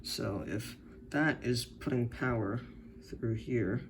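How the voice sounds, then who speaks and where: A man's voice: mid-range voice, slow pace, noisy background. A man thinking aloud, hesitant and unsure, as he tinkers with a circuit, recorded on a camera's built-in mic. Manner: hesitant, unsure, many self-corrections. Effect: camera-recorded audio. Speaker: hobbyist building circuits.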